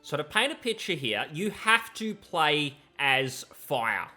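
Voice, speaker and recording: Slightly high and sing-song, the young video commentator's pushed, bright voice moves slowly as he delivers sardonic, dismissive reactions and casual opinions. Soft music plays behind him in the small plain room, where he wears a headset with a close boom-arm mic.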